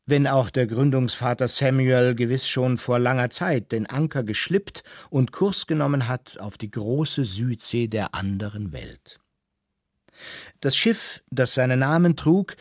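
A man's voice: mid-range voice, a little mellow, no echo. A man tells a radio drama story in the first person, wry and wandering. The recording is dry and close with no room sound. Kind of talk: scripted narration.

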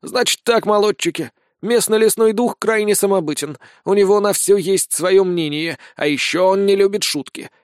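A man's voice: high voice, moderate pace, few pauses, smooth, no room sound, studio quality, voice pushed up, natural voice. A man voicing a bossy old woman demolitions expert who talks curtly and commandingly. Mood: stern. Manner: curt, commanding, slangy. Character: gruff old granny demolitionist, bossy and sharp.

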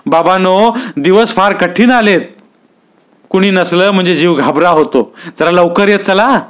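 A man voicing an older village woman who gently pleads in a storybook reading. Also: sits high, measured pace, voice pushed up. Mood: pleading.

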